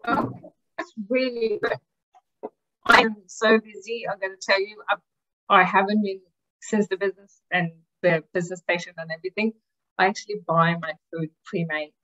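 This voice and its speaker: With a medium pitch and fairly even intonation, she talks at a normal speed in a fairly bright tone while casually hosting an online business call. Her manner is effusive and chatty, skipping between thoughts. The lo-fi call audio from her video call mic sounds dull.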